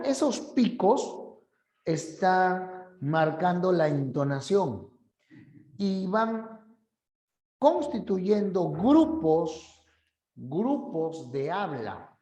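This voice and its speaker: Slow, chatty male teacher. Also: sits high, dark tone, echoey room. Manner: conversational, asks students for agreement, acts out examples. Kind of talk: classroom lecture for admission exam prep.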